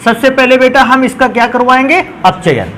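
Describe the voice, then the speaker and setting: Man, chemistry teacher, very high voice, asks and answers his own questions, faint background noise. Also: expressive, normal speed, a bit bright, low-quality recording. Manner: asks the class questions and answers them himself, calls students "beta". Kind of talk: classroom chemistry lecture.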